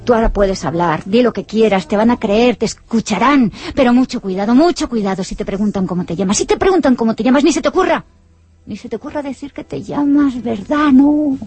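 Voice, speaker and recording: A woman's voice: a little high, brisk, a little mellow, slightly rough, soft background music. A woman voicing Lie as a brash, slangy, bossy woman who talks in a crude, streetwise way. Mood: insistent.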